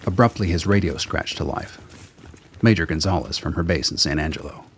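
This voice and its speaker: Reading from a script, a man narrates a radio drama in a low, deep voice with a husky, breath-roughened grain. His delivery is animated and a little fast.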